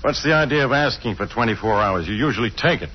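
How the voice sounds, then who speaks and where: An actor playing a gruff, suspicious police inspector, blustering and barking in 1940s radio drama style. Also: male voice, medium pitch, animated, fast, a little hiss or hum, natural voice. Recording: muffled old-time radio recording.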